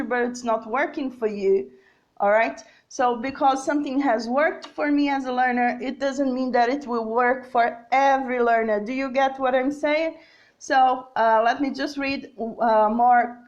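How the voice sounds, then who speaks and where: A young Brazilian woman with a Brazilian Portuguese accent teaches an English lesson on a live stream, speaking slowly and deliberately with many fillers and check-ins. Her voice is on the high side and a little mellow, and the audio sounds dull.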